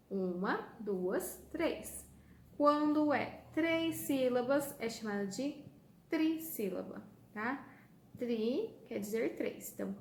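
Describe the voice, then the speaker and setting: A woman's voice: fairly high pitch, a little hiss or hum. A woman teacher giving a patient online lesson to children, checking in often and stressing words for emphasis. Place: room with a whiteboard. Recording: echoey room.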